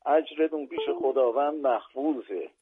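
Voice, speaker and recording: Older man reciting poems on a phone line. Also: mid-range voice. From Iran. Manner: courteous, formal, recites verses in a measured way. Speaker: guest poet. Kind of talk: phone-in chat and poetry recital. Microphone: telephone.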